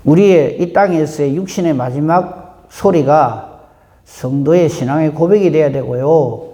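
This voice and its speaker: A man preaching a dawn prayer sermon in a conversational way, often clearing his throat and asking the congregation questions. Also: fairly high pitch, unhurried, mellow, in a large hall. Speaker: pastor.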